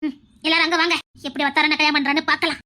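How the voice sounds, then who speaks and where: A woman with a Tirunelveli Tamil accent putting on a bossy older woman of the family who gives brisk orders. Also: high voice, level tone, pushed and bright, voice pushed down. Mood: commanding. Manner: brisk, commanding.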